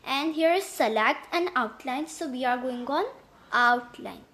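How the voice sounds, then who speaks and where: A woman narrating a step-by-step app tutorial in halting, repetitive phrasing. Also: high voice, a bit bright. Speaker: tutorial host.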